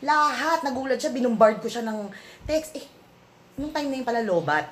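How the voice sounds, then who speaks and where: Animated, laughing woman in chat. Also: a little high, moderate pace, roomy sound, a little hiss or hum. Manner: lively, animated, laughs often, acts out quotes. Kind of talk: casual chat.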